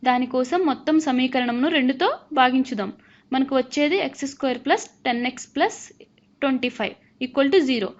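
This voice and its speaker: A woman talks through a math lesson over a screen recording. She is patient and keeps asking whether the learner follows. The sound is slightly dull and lo-fi. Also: sits high. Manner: patient, asks learners to check along. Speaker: math teacher.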